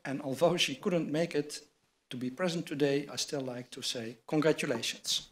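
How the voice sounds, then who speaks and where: Reading formal award citations from notes, an older man presents at a university ceremony from a lectern microphone in a big wood-panelled hall. His voice is on the high side and his manner measured and scripted. Background noise can be heard.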